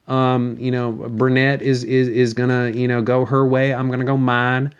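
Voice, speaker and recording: A man's voice: medium pitch, little pitch movement, normal speed, clean tone, highs cut off. A man delivering a rambling, profane comic monologue, repeating words and stammering as he goes. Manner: crude, foul-mouthed.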